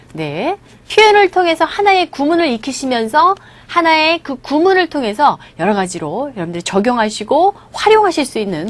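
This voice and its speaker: A woman lecturing on English expressions, checking in with her students and slowly drilling each phrase's pronunciation. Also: a little high. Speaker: English teacher.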